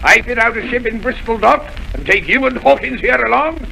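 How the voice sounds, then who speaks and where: An actor playing a boastful, excitable country squire in a 1930s radio drama, talking in a theatrical, exclaiming way. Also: male voice, very high voice, fairly quick, vocal fry, slight background noise, full character voice, low-quality recording. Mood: excited. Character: blustering, boastful middle-aged country squire.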